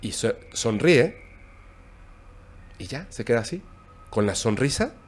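Hombre mexicano contando una historia de miedo. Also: male voice, mid-range voice, big pitch swings. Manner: recounting a scary story, hushed and halting. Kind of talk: casual storytelling.

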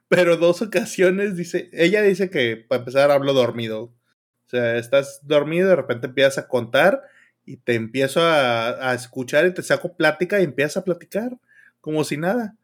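A man with a Mexican accent, co-hosting a podcast and telling a story animatedly, acting out the voices and shouts. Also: a little high, animated, moderate pace. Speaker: podcast co-host. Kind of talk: casual chat.

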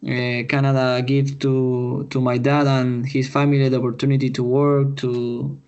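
A Chilean man speaking English with a Spanish accent, stopping and restarting often as he finds his words in an interview. His voice is gravelly and flat in tone, and the audio is dull and lo-fi. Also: mid-range voice. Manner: halting, repeats words while searching in English. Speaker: footballer guest. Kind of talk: podcast interview answers.

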